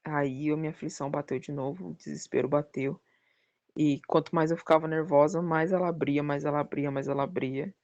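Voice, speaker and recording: A woman giving a personal religious testimony as a podcast guest, telling her story with lively acted-out dialogue. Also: low voice, brisk, no echo, dull audio. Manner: animated storytelling, acting out the dialogue.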